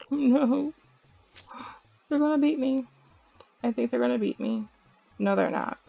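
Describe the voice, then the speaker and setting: A young woman talks through her game at an unhurried pace, her voice carrying a gravelly fry. She is playful and dramatic, chanting and squealing as she plays. The sound is muffled and dull, with faint music underneath. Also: fairly high pitch. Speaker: gaming video host. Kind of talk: let's play commentary.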